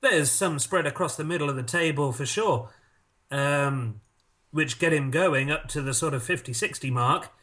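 A man with a somewhat high, pushed, bright voice commentates on snooker, going through it shot by shot in a measured way. He mixes in casual banter and dry, laddish humour.

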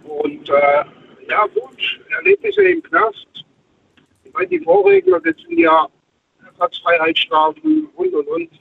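Calling in over his truck's hands-free speakerphone, a man from the Heidelberg area of Germany chats casually and hesitantly, his talk thick with fillers. His voice is very high and gravelly, swooping wildly in pitch at a measured pace. The phone line is tinny and keeps dropping, with faint noise behind it.

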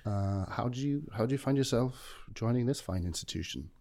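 A man hosting a podcast who reads a brisk introduction and asks questions with a few restarts. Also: medium pitch, lively intonation, mellow. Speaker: podcast host. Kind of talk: scripted introduction and interview questions.

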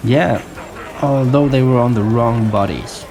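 An actor playing a deadpan crewman with dark humour in a comic sci-fi audio drama. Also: mid-range voice, measured pace, music in the background, close to an everyday voice. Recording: noisy ambience behind.

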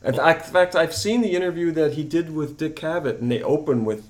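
A man in a casual film chat, agreeable and quick to chime in. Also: on the high side, a crowd in the background.

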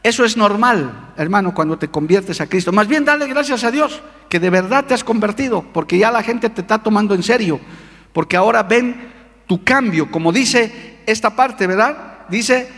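A man's voice: sits high, expressive, moderate pace, a bit bright, big-room sound. A male pastor preaching a fervent sermon, calling out to his congregation for amens. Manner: fervent preaching with call-and-response.

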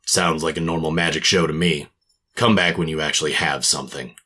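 A man's voice: very deep voice, fairly even intonation, fairly quick, bright, forceful tone, breathy edge, heavily acted. A man playing a cynical hard-boiled private detective, narrating and talking in a clipped, sardonic tough-guy manner in a noir radio drama.

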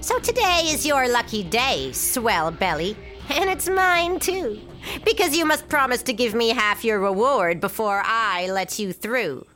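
A woman's voice: fairly high pitch, lively intonation, a little slow, a bit bright, soft background music. A woman voicing a small, greedy and cruel male doorkeeper in a told story, sneering and hissing.

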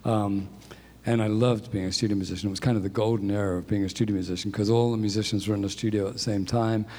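A husky, slightly mellow lowish voice belongs to this music industry executive in his sixties, who grew up in New Zealand after being born in England. In a conversational interview he talks quickly and evenly about his career, poking fun at himself. The sound has a long reverb tail.

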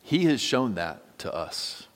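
A man preaching a sermon as pastor, earnest, sometimes dropping to a hushed near-whisper. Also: mid-range voice, big pitch swings, slow pace. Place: church sanctuary.

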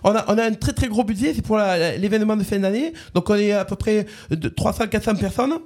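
A radio host doing a prank call, voicing a bumbling corporate communications manager who stammers and repeats himself. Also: male voice, high-pitched, fast talker, a little mellow. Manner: stammering, hesitant, repeats words.

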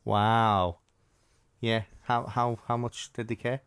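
A man's voice: mid-range voice, little pitch movement, slow, fairly bright tone, clean tone, no echo. A man co-hosting a podcast in casual banter, teasing and mock-threatening his friend. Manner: teasing, mock-threatening, puts on silly voices. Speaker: podcast co-host.

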